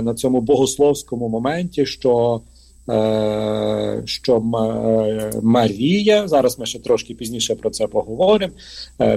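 Ukrainian-born male priest, mellow husky voice, halting interview talk full of fillers. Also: mid-range voice. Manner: hesitant, frequent filler sounds and restarts. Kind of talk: conversational interview answer.

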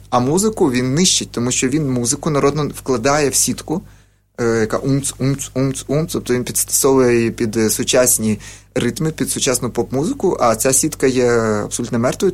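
Fast-talking man explaining at length. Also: mid-range voice. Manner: explanatory, many fillers and restarts. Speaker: folk music researcher, interview guest. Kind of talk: radio interview.

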